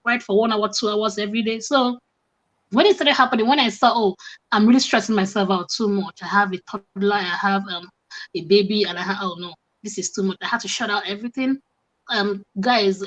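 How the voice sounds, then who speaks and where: A woman's voice: medium pitch, fairly bright tone, low-quality recording. A young woman from Africa, a coach, telling stories animatedly in casual conversation and acting out both sides of the exchanges. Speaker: guest coach.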